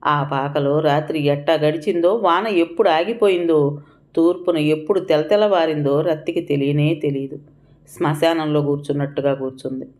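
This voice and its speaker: Low-voiced woman reading a story aloud. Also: normal speed, darkish tone. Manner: emotive reading, voicing characters' cries and pleas. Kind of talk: audiobook story narration.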